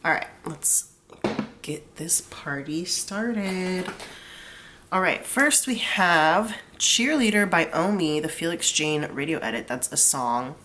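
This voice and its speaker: A young woman, nose stuffed up from a cold, talks casually through a tarot reading, using lots of "like" as she explains each card she pulls. Her voice is fairly low, animated, bright and forceful, and she takes it slowly over slight background noise.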